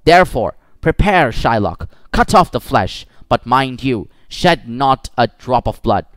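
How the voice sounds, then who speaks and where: Shrewd disguised young woman counsel read by a man, firm and measured, lively lilt. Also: mid-range voice, no echo. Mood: stern. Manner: firm, measured courtroom pleading.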